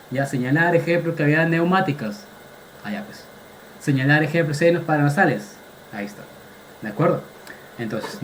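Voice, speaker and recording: A man's voice: on the high side, slight background noise, low-quality recording. A man lecturing medical students on anatomy, firing repeated quiz questions and mixing casual slang into technical explanations. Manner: drills students with repeated questions, quizzing them; sprinkles casual slang among technical terms.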